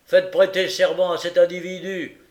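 A man reading aloud and voicing a gruff, grumbling male police magistrate who scolds harshly. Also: high-pitched, measured pace, pitched above the performer's own voice.

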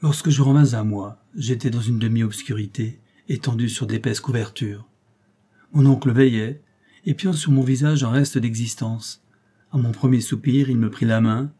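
Man, audiobook narration, first-person, measured, mellow dark tone. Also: medium pitch, fairly even intonation, husky. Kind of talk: scripted literary narration.

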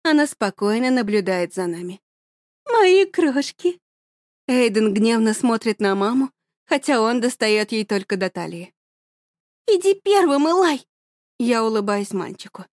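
A woman reading a first-person story aloud in a steady, measured way. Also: medium pitch, no echo, studio quality. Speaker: audiobook narrator.

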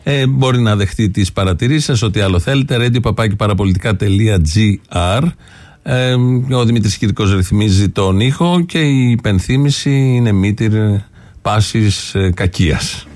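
Low-voiced sarcastic male radio host. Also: darkish tone, dry recording. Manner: sarcastic, listing points one by one. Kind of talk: radio political commentary.

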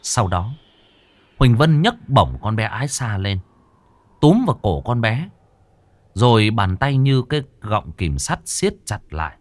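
Male horror narrator, unhurried, lively intonation. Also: on the low side, no room sound. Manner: slow, expressive, dramatic storytelling. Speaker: storyteller.

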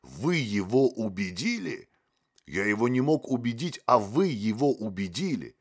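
An irritable bohemian, played by a male narrator barks his lines in short, impatient bursts. The voice is deep and edged with annoyance. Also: animated, moderate pace. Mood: irritated. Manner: snappish, impatient.

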